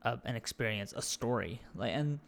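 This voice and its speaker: Speaking as a podcast guest in a casual interview, a young Indian man with a mixed British, Australian and American accent talks candidly and reflectively, sometimes searching for words. His medium-pitched voice is animated with some vocal fry, at normal speed over slight background noise.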